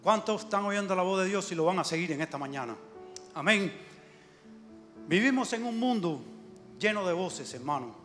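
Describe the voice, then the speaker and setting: A man's voice: high voice, animated, normal speed, long pauses. A man preaching a fervent sermon in a church, calling out amen and hallelujah often. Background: soft instrumental music.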